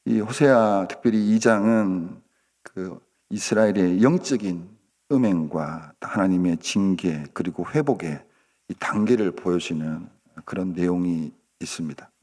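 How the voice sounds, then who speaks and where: A man preaching at a dawn prayer service, telling a story dramatically and swinging between loud outbursts and hushed asides. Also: low-pitched, a little slow. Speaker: pastor.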